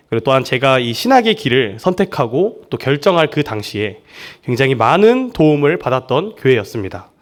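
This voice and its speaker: A young man from Seoul, a junior pastor preaching a church sermon in a friendly, joking way. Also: fairly high pitch. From Seoul, South Korea. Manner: friendly and joking, often laughing with the congregation. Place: church service.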